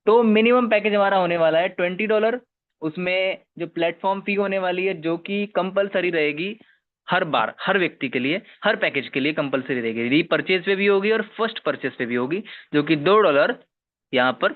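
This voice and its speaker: A man's voice: sits high, normal speed. A man presenting an investment plan, walking viewers through slides and often calling them "guys" or checking in with "okay". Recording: tinny phone-like audio.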